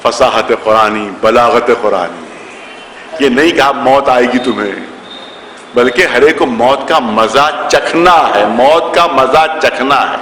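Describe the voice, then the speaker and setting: Forceful bright-voiced cleric in echoey hall. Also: male voice, medium pitch, a little hiss or hum. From India, Lucknow. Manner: repeats phrases for emphasis, acts out quoted voices. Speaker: Shia cleric reciting a majlis. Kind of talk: storytelling sermon. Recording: echoey hall with long reverb.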